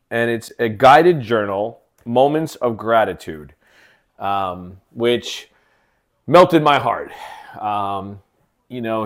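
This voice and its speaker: Upbeat rambling man podcasting solo. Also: medium pitch. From living in Kansas City. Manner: rambling, many fillers and restarts. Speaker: podcast host. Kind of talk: casual solo podcast talk.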